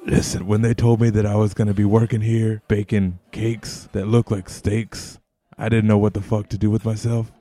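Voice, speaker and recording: A man's voice: on the low side, level tone, normal speed, dark tone, natural voice. A man playing a crude, menacing male chef who leans in close and swears while he talks. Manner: swears constantly, looms close and intimidates. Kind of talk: comedy sketch acting.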